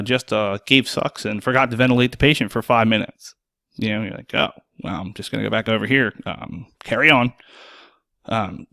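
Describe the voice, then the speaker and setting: A man hosts a solo podcast and speaks bluntly, with a sarcastic edge and casual swearing. His voice sits at a middle pitch. The sound is dry and close, with no room echo. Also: a bit bright. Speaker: podcast host and EMS worker.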